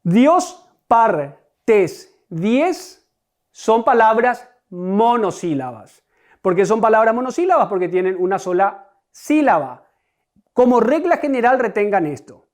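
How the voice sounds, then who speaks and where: A teacher with a medium-pitched voice gives a recorded online grammar lesson, explaining calmly and deliberately. Key concepts get repeated, and the students are spoken to directly.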